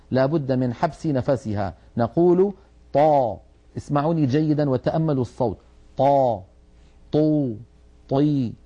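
Mellow-voiced man teaching recitation. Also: on the high side, dull audio. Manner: precise, demonstrates letter sounds slowly. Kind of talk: Quranic recitation lesson.

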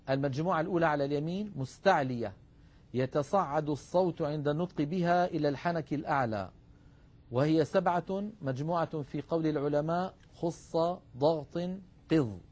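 A man's voice: fairly high pitch, darkish tone. A man teaching Arabic phonetics over slides, patiently addressing viewers and drawing out example syllables for them to repeat. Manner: models sounds aloud, drawing out syllables for the class. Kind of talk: instructional lecture with slides.

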